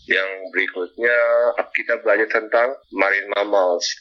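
A man's voice: fairly low pitch, steady tone, moderate pace, highs cut off. A young man from Papua, a graduate student, chatting earnestly in a casual interview and mixing in English words. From Papua, Indonesia. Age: young adult.

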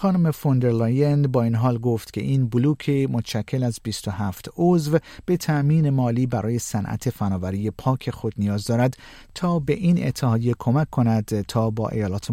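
A male news anchor reads his bulletin in a measured, even way. His voice is dark and mellow. The sound is dry and close, with no room around it. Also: medium pitch, dry recording. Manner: measured, even newsreader delivery. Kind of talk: scripted news reading.

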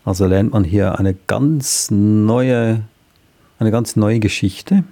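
Gravelly low-voiced man. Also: steady tone, slow, dark tone. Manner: hesitant, many fillers. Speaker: co-host presenting children's books. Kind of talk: casual chat.

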